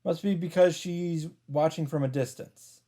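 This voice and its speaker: With game music running underneath, a commentator reads through a visual novel and reacts along the way, using a steady, unhurried, medium-pitched voice with a dark tone.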